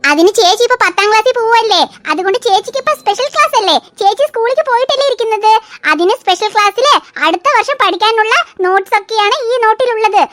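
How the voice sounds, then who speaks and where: A woman voicing a calm, gently scolding mother in a cartoon. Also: very high-pitched, quick pace. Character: soothing cartoon mother of three girls. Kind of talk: cartoon voice acting.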